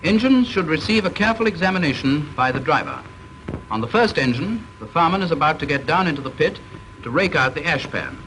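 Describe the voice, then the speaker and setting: On an old, faintly hissing soundtrack, a British-accented man delivers formal training-film narration in a measured, instructive, stern manner. His voice is on the high side, very animated and a bit bright, and the audio is poor.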